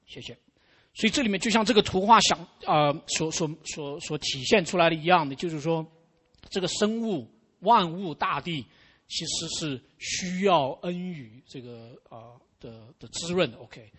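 A man's voice: fairly high pitch, fairly bright tone. A man giving a conversational sermon to a congregation, often tagging "OK" and restarting his sentences. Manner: informal, peppers sentences with "OK", frequent restarts. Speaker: preacher. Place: church congregation.

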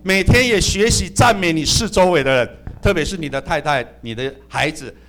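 A middle-aged man preaching a sermon as pastor, humorous and animated, often calling out amen and hallelujah. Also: on the high side, normal speed, a little hiss or hum.

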